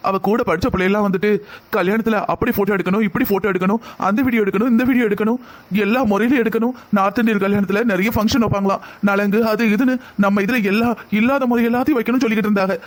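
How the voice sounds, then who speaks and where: A man's voice: high voice, steady tone, very fast, natural voice. A man voicing an anxious middle-aged father in a cartoon, speaking in a distressed, pleading way. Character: anxious middle-aged father begging help for his daughter. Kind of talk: cartoon voice acting.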